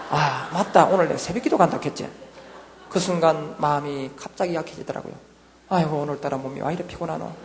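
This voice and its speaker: Gravelly older man with Gyeongsang accent. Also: a little high, long reverb tail, slight background noise. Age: 60s. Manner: lively storytelling, acts out voices of himself and his wife. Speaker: church deacon giving testimony. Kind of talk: church testimony.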